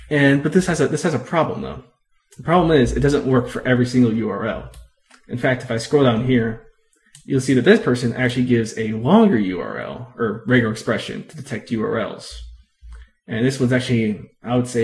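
A man's voice: medium pitch, a little mellow. A man casually explaining a computer topic in a screen-recorded tutorial, rambling and correcting himself as he talks, with lots of ums. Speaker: tech video host.

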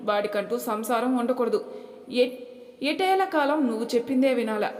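A woman's voice: on the high side, moderate pace, darkish tone, lightly acted. A woman voicing a stern older father who lectures his family with rhetorical questions, in an echoey room. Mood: scolding. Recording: echoey room, long reverb.

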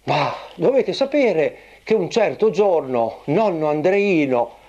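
A man in his fifties telling a story to children in an expressive, emphatic way. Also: a little high, slow, highs cut off. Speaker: puppeteer storyteller. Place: small indoor room with puppet stage.

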